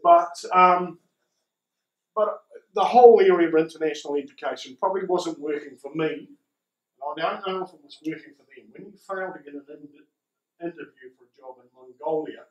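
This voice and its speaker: A man's voice: a little high, highs cut off. An older man with a broad New Zealand accent gives an informal, conversational conference talk with a self-deprecating manner. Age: older, around 60s. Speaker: conference speaker, school principal. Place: indoor conference room, standing before a small audience. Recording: roomy, echoing conference room.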